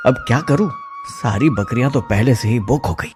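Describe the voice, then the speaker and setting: Man voicing a greedy young thief, cartoon, wheedling and sly, lively pitch. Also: normal speed, over music, natural voice. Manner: wheedling, mocking. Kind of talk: cartoon voice acting.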